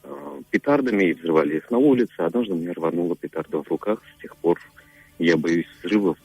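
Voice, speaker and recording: A man from Moscow calls in to a radio show, his voice very deep and husky. He talks haltingly, pausing to search for words. Faint music sits underneath. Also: no room sound, highs cut off. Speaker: caller. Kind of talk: phone-in question.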